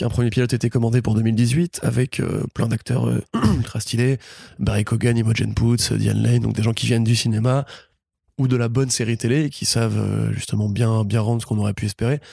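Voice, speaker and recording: A man co-hosting a casual pop-culture podcast, talking rapidly and joking while he runs through series news. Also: medium pitch, vocal fry, warm tone, husky, dry recording, clean studio sound. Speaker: podcast co-host.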